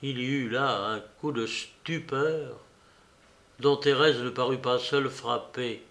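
A man reading a novel aloud as narrator, slow and deliberate. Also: medium pitch, steady tone, fairly bright tone. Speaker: audiobook reader.

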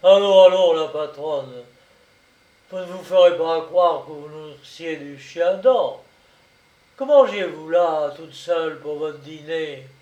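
A man's voice: a little high, slow, darkish tone, far from the mic, muffled recording. A man voicing a blustering rural gendarme sergeant who bellows orders in rustic speech. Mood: mocking. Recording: echoey room, voice set back.

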